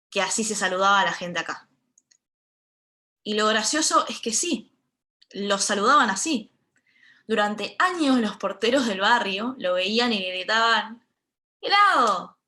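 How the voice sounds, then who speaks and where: A woman's voice: medium pitch, pushed and bright. Earnest young Rioplatense woman lecturing. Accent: Rioplatense Spanish. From Buenos Aires, Argentina. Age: 20s. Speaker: panel speaker. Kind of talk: lecture talk.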